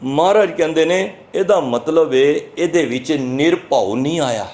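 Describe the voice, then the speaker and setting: A man with a Punjabi accent giving a sermon, explaining scripture line by line in an earnest, teaching manner and drawing verses out slowly before he explains them. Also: on the high side, darkish tone. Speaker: Sikh preacher giving scripture commentary.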